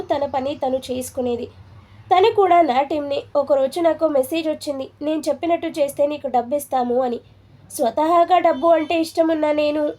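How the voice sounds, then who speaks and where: A woman's voice: high voice, warm tone, lightly acted. A woman voicing a frightened young man who confesses what he did in a read-aloud story. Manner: pleading, fearful.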